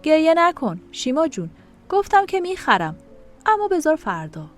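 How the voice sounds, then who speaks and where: A woman reading the lines of an earnest young man, a gentle former fiancé, in an audio story. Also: high voice, big pitch swings, soft background music, voice pushed up.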